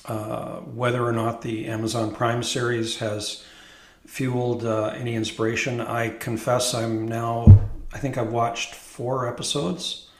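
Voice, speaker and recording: A man's voice: mid-range voice, little pitch movement, measured pace, echoey room. A middle-aged or older man with a Canadian accent, hosting casually in a wry, wordy, hesitant conversational style. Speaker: podcast host.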